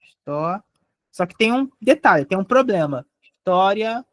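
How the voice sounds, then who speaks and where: A young Brazilian woman teaching a live online grammar lesson, explaining step by step and spelling out syllables slowly. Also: medium pitch, big pitch swings, no echo. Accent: Brazilian Portuguese.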